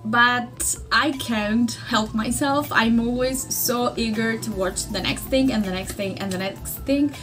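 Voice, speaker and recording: Sitting at her desk in a small bedroom, a young vlogger from Greece talks casually to camera in English, her second language, with a Greek accent and lots of fillers and restarts. The laptop webcam mic catches her fairly high, slightly bright voice at a measured pace, with faint music in the background.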